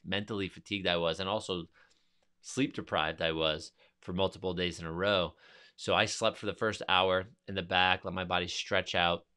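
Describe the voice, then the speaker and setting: A man from New York, hosting a podcast, telling a long personal story in a rambling, energetic way and acting out what people said. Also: low voice, clean tone. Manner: rambling, energetic, acts out quotes. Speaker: podcast host. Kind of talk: casual storytelling monologue.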